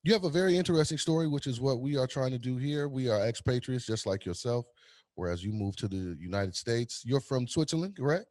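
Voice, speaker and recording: A male podcast co-host speaks in a middle-pitched voice, chatty and loose, often stumbling and restarting his questions. The recording is close and dry, with no room sound. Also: lively intonation, a little fast, darkish tone, dry recording. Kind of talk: casual interview hosting.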